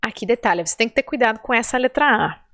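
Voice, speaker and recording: A woman's voice: a little high, lively intonation, quick pace, a bit bright. A woman with a Brazilian Portuguese accent, a Spanish teacher giving a pronunciation lesson, drawing out sounds in exaggerated demonstrations and checking in often. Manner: chatty and encouraging, with frequent check-ins.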